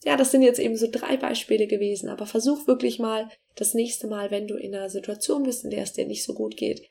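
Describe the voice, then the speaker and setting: A woman giving self-help coaching tips step by step, speaking straight to the listener and often pausing on fillers. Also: a little high, steady tone, gravelly, mellow. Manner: explains in steps, addresses the listener directly; filler-heavy, frequent restarts.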